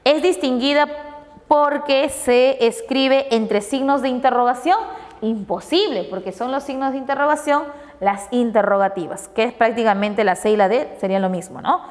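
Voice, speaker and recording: A woman's voice: fairly high pitch, normal speed, big-room sound. A woman teacher from Peru walking pupils through test answers, asking questions and answering them herself. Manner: explanatory, asks and answers her own questions.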